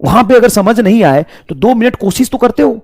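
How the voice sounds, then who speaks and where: A man's voice: high voice, lively intonation, brisk, vocal fry, darkish tone. A man teaching online, scolding his students with exasperation and mimicking their comments.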